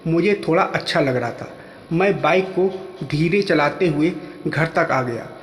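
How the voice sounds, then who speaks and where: A man telling a first-person story in plain, steady narration. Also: a little high, measured pace, slight background noise. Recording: echoey room with long reverb.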